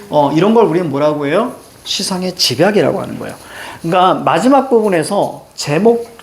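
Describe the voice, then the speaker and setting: Animated middle-aged male teacher. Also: high voice. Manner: animated, switching between casual banmal and polite endings. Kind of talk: lecture with personal storytelling.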